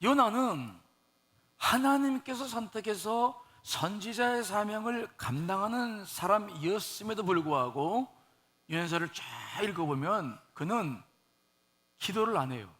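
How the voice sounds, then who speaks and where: Delivering a sermon a little slowly, this pastor has a high-sitting, bright, and forceful male voice that is very expressive. He questions the congregation, lowers himself to quiet asides, and rises again into loud exclamations.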